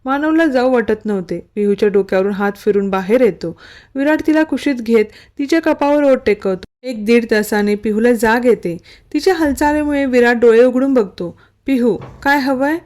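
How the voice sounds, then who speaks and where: Woman reading a romance story, fairly high voice. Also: moderate pace, darkish tone.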